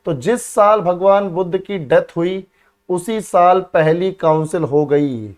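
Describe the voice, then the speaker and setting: Male coaching teacher, higher-pitched voice, drills terms by repetition, quizzes his students and answers his own questions. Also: slow pace. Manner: repeats key words for drilling, calls students beta and bhai; asks students questions then answers himself. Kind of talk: exam-prep history lesson.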